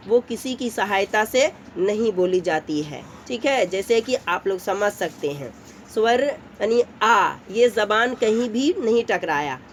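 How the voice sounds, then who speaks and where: A woman's voice: fairly high pitch, slight background noise. A woman teacher giving a grammar lesson to children, explaining patiently, often checking in with the class and drawing out vowel sounds to demonstrate them. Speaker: school teacher.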